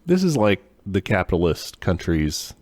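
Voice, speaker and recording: Tired low-voiced man chatting, dry mic. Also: moderate pace, no echo. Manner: laughs often, relaxed and musing. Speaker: podcast co-host. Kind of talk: casual chat.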